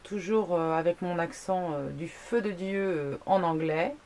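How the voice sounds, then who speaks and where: A woman's voice: on the low side, unhurried, a little mellow. Chatty woman reviewing nail polish. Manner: chatty, many fillers and asides; self-mocking humor. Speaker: beauty blogger. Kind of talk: casual product review to camera.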